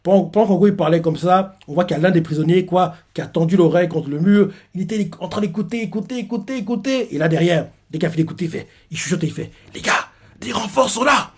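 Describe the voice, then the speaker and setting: Male manga reviewer, casual rambling recap; husky, slightly high voice. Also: fast, hardly any pauses, mellow. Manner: rambling, loose, heavy on filler phrases.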